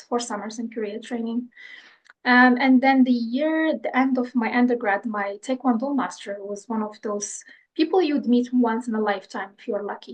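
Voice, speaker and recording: A woman's voice: fairly high pitch, poor audio. A woman from Morocco in her thirties, a scientist speaking as a podcast guest, talking thoughtfully with frequent fillers and restarts. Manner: hesitant, many restarts and fillers. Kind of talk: conversational interview.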